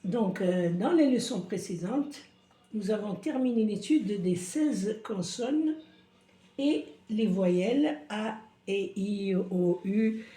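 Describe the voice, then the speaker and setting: A woman teaching a slow, patient reading lesson to young children, sounding out syllables in a sing-song way. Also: mid-range voice, warm tone. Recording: roomy echo.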